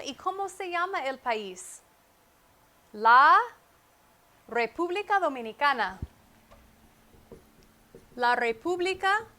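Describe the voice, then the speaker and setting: A woman teaching Spanish with comprehensible input. She speaks slowly and deliberately, repeats key words and adds short English glosses. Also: sits high, sharp tone. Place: at a whiteboard. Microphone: wireless microphone.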